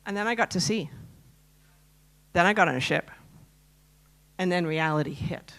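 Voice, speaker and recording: Here the same kind of speaker, a Canadian conference presenter in her fifties, has a lowish, slightly bright voice and keeps a moderate pace. Sharing a personal story with a live audience on stage, she chats easily and asks listeners questions.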